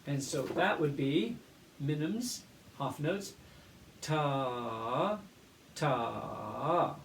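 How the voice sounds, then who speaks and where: A man teaching a primary school music lesson, explaining clearly and patiently and chanting rhythms aloud. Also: a little high, expressive, drawn-out words. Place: classroom. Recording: echoey room, mic at a distance, faint noise.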